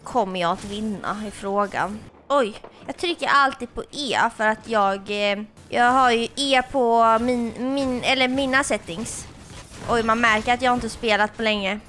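A young woman talks casually to her viewers while she plays a game. Her voice is high and bright, giggly and excitable, and it jumps into shrieks whenever something surprises her. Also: a little hiss or hum. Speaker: girlfriend of the host, gaming on camera. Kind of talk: casual gaming chat.

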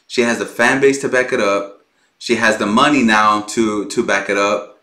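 A man hosting a music reaction video, talking casually and excitedly, swearing freely and laughing often. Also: lowish voice, moderate pace, echoey room.

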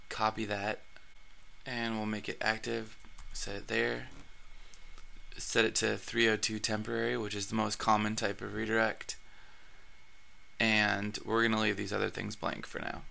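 Hoarse with allergies, a man walks through a blogging tutorial over a screen recording, speaking loosely with frequent fillers and do-overs. His voice is lowish, with a pushed, bright quality.

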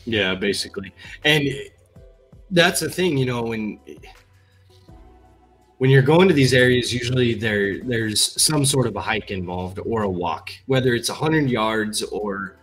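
This livestream host, a young man in a gaming chair indoors, talks casually and reads out viewer comments through a headset mic. He speaks at a measured pace in a mid-range, slightly bright voice with a breathy edge, and faint music plays behind him.

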